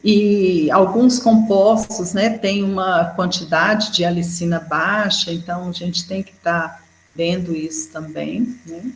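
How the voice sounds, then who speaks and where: A woman's voice: lowish voice, steady tone, measured pace, a little hiss or hum. Brazilian woman lecturing in an echoey room. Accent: Brazilian Portuguese. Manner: explanatory, with frequent "né" fillers. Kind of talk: educational lecture.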